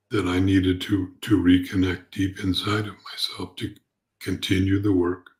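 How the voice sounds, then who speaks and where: Male spiritual teacher, low register, calm gentle delivery, reflective and halting, off the cuff. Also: poor audio. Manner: halting, repeats words as he goes. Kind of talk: unscripted spiritual talk.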